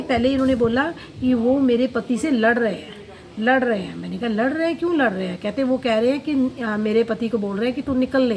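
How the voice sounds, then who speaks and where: Woman, fairly high voice, past-life regression therapist, storytelling, quoting a client's session, faint hiss behind. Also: a little mellow, low-quality recording. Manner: storytelling, quotes client and herself in turns.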